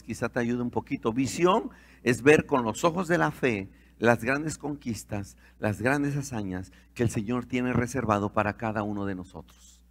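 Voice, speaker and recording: A man's voice: mid-range voice, big-room sound. A man preaching a sermon as pastor, emphatic and putting rhetorical questions to his congregation.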